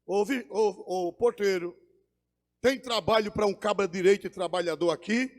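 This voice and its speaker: A preacher playing a boastful joke cowhand. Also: male voice, normal speed, lightly acted. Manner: loud, deep-putting swagger. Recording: echoey church hall.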